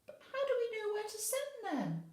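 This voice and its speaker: This teacher's voice is very high and swings hugely in pitch, with a darkish tone and a normal speaking speed. She reads a picture book expressively to young children at an infant school, talking to them through questions and asides. The space sounds big and reverberant.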